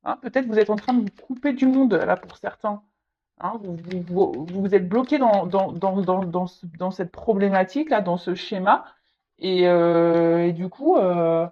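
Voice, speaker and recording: Halting woman giving a tarot reading. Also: lowish voice. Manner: halting, repeats words, many fillers; speaks directly to the viewer. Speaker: tarot reader. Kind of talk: casual tarot reading to camera. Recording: slightly dull lo-fi audio.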